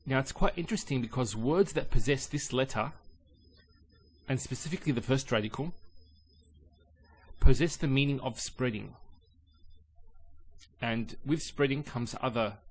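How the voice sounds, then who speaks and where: Male teacher, mid-range voice, steady patient lesson delivery. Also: mid-range voice, faint music behind. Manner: calm, measured explaining with pauses. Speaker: Arabic teacher. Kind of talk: explanatory lesson.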